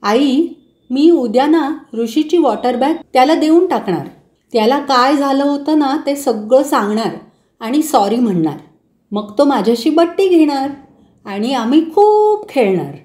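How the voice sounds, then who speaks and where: A woman voicing a frightened little schoolboy who pleads slowly in a high voice. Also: lively intonation, a little mellow. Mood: hopeful. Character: little schoolboy, scared and tearful, owning up. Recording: roomy echo.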